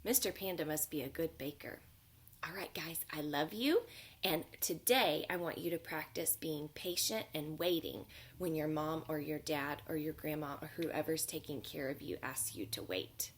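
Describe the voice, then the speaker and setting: A woman preschool teacher reading a picture book aloud to children, gentle and expressive. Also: low-pitched, moderate pace. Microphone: home video recording.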